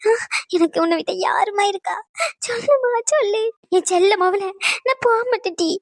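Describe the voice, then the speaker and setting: A woman's voice: very high-pitched, fairly quick, dry recording, voice pushed up. A woman voicing a fussing old grandmother who speaks in a tearful, sing-song wail. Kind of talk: cartoon dub voice acting.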